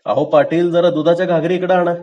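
A man's voice: on the high side, fairly even intonation, fast talker, highs cut off, pitched above the performer's own voice, lightly acted. A man voicing a lazy but shrewd small-town police constable, offhand and bossy.

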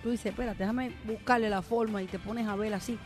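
A woman with a Puerto Rican accent co-hosting a casual radio show, talking in quick animated bursts. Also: medium pitch, faint music behind. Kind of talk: casual radio chat and interview.

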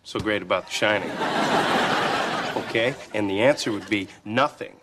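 An actor voicing a laid-back young man in a sitcom scene, defending a scary book with jokey emphasis. The voice sits low. Steady background noise runs under the clip. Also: unhurried, natural voice. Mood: emphatic. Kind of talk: sitcom acting.

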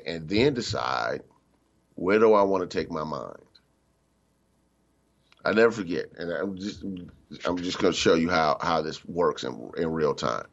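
A middle-aged man with a very low voice delivers a spiritual teaching in a loose, conversational way, leaning hard on the points he wants to land. He slips into other people's voices when quoting them. The recording sounds a little dull, like a radio broadcast. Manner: conversational, emphatic, acts out quoted voices. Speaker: minister.

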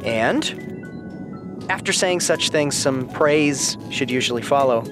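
A man's voice: mid-range voice, lively intonation, takes it slowly, over music. A man voicing a sentient freighter spaceship in an audio drama, a brash, easygoing adventurer who talks in casual, teasing slang. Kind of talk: audio fiction drama acting.

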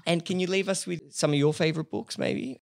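A podcast host asking eager, quick questions in casual interview chat. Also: medium pitch, gravelly.

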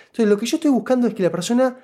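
He talks rapid-fire in a very high voice, an Argentine Spanish-accented man from Buenos Aires. Appearing as an interview guest, he spins a casual, conversational story full of animated, explanatory job-interview advice, constantly checking that the listener is with him.

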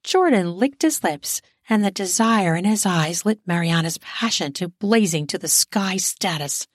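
A woman narrating an erotic audio story in a smooth, steady storytelling manner. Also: on the low side, measured pace, no echo, clean studio sound.

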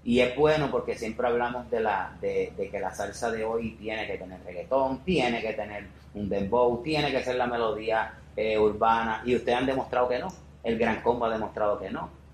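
Speaking at a normal speed in a voice on the low side, this podcast host rambles casually through an interview and repeats phrases to stress points. The room echoes, with faint background noise underneath.

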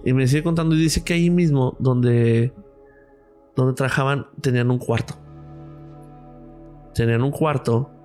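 A man's voice: medium pitch, steady tone, normal speed, pauses often, darkish tone, soft background music. A man with a Mexican Spanish accent, a radiologist guest on a podcast, tells a story and acts out the quoted dialogue.

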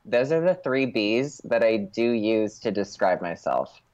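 A man talks casually as a podcast guest, playing things mock-earnest for comedy. His pitch moves around in a very animated way. The recording is a little dull and lo-fi. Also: measured pace. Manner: playful mock-earnest delivery. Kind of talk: casual comic chat. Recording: slightly dull lo-fi sound.

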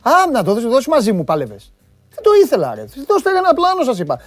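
A man hosting a sports TV show, giving lively, joking commentary on amateur football clips and bantering with his studio crew. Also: very high-pitched, no echo, soft background music. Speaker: sports TV host.

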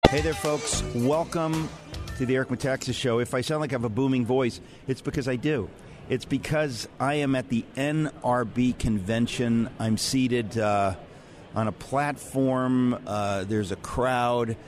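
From a platform in a large convention center, a man hosts a conversational radio interview, his manner wry and candid. He speaks unhurriedly in a mid-range voice, with faint music behind him and the noise of a crowded convention floor all around.

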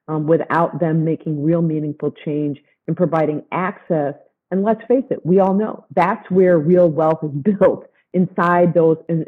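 A man speaking off the cuff as a panelist, making his case emphatically. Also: fairly high pitch. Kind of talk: unscripted panel remarks. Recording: thin phone-like line.

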